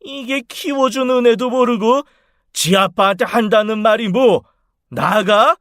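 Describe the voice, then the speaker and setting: A man's voice: very high-pitched, unhurried, a bit bright, no echo, clean studio sound. A man playing a hot-tempered, bullying aging father in a radio drama, snapping out harsh, scornful outbursts. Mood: furious.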